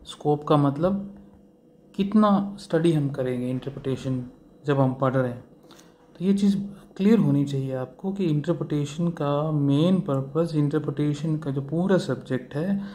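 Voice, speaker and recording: A man's voice: fairly high pitch, normal speed, warm tone. A man giving a law lecture, explaining step by step and mixing in English legal terms, with fillers and rhetorical questions. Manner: asks the class rhetorical questions. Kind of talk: classroom lecture.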